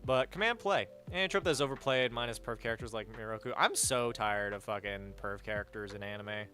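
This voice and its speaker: A man's voice: fairly low pitch, a little fast, pushed and bright, faint music behind. A man streaming a game live, chatting crudely and joking with his chat, reading donations aloud. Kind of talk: casual live-stream chat while gaming. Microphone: headset mic.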